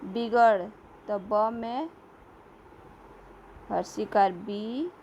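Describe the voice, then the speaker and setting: A woman teacher giving a slow classroom lesson, reading questions and answers aloud and repeating words for young pupils. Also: medium pitch, a little mellow, slight background noise, rough recording.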